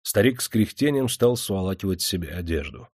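A man narrating an audiobook in a steady, even storytelling manner. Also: lowish voice, brisk, no echo, clean studio sound. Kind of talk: scripted narration.

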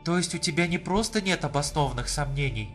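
A man's voice: on the high side, animated, fast, soft background music, voice pushed up, close to an everyday voice. A male audiobook reader voicing an anxious, insistent adult woman in a pleading manner. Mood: urgent. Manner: pleading, insistent, rising in alarm. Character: distressed determined adult woman. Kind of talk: audiobook reading.

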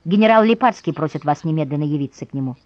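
A woman's voice: low-pitched, lively intonation, very fast, darkish tone, no echo, dull audio. A woman voicing a young male lieutenant who speaks in a formal, clipped way.

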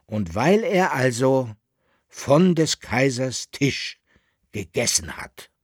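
Guy doing a know-it-all tutor ranting about history, husky, swoops up and down. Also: medium pitch, takes it slowly, dry recording, studio quality, heavily acted. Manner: lively, lecturing, indignant. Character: opinionated, ranting student tutor.

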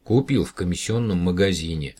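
A young graduate student, defiant and eager, as a man reads him. The voice stays low and husky, with a stubborn earnest push. It is told as a storybook. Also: a little fast, dark tone.

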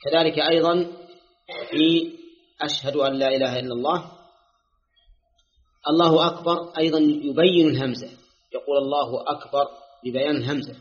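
An older man giving a religious lesson, explaining points slowly and sounding out pronunciations himself. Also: on the high side, steady tone. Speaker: scholar teaching a classical text. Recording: dull lo-fi lecture recording.

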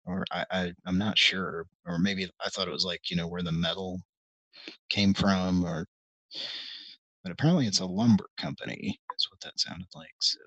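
A man's voice: deep voice, fairly even intonation, moderate pace, a bit bright, husky, no room sound, highs cut off. A middle-aged man hosting a live stream, rambling in casual chat with many hesitations and wry, self-deprecating asides. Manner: meandering and hesitant, full of ums and restarts. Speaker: host of a live call-in stream.

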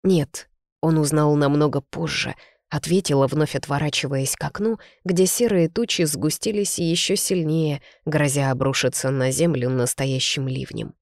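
An audiobook reader tells a first-person novel at an even, unhurried pace in a mid-pitched voice. The delivery is steady and scripted. The recording is dry and close to the mic. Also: dry recording. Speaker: audiobook narrator.

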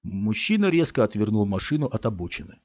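A man's voice: on the low side, sing-song, brisk. A man reading an audiobook story aloud as narrator. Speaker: audiobook reader. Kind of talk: scripted narration. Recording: dry, slightly muffled.

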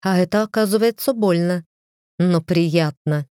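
A woman voicing a defiant, sharp-tongued young wife who speaks sarcastically and teasingly. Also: mid-range voice, unhurried, dry recording, clean studio sound, voice pushed up, close to an everyday voice.

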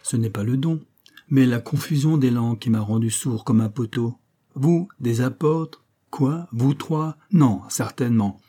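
A sardonic, hawk-like clergyman of middle years, as a male reader puts him on, nasal and abrupt, pouring solemn mockery over the young men. The voice sits slightly higher than the narration, husky and mellow. Storybook reading. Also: normal speed, close to an everyday voice. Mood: mocking.

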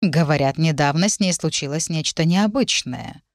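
A woman voicing an elderly female herbalist, shrewd and knowing, with a low, slightly husky voice and a calm, slow, probing manner. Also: no room sound, clean studio sound.

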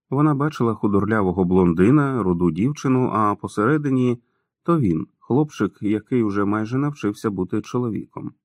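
A man narrating an audiobook in a calm, even storytelling manner. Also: lowish voice, no echo, studio quality. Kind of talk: scripted narration.

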